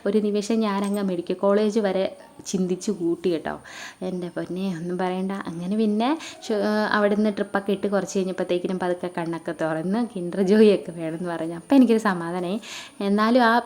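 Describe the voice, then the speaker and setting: A woman's voice: medium pitch, fairly even intonation, quick pace, a little mellow. A young woman with a Kerala Malayalam accent, retelling a family scare in a casual vlog, full of fillers and asides to her viewers. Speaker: vlogger.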